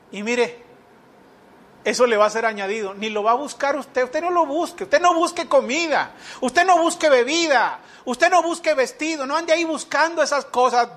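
High-voiced preacher man. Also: a bit bright. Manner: rhetorical questions, mimics whiny believers. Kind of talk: sermon.

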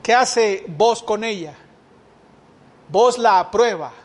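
A man's voice: high-pitched, takes it slowly. A man preaching a sermon, firing rhetorical questions at the congregation and acting out the people he quotes. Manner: acts out quoted speakers.

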